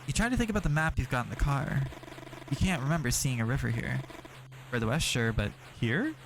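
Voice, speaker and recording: A man's voice: mid-range voice, animated, fairly quick, background noise. A man streaming a narrative game, reading its text aloud and breaking off for sarcastic, profane asides.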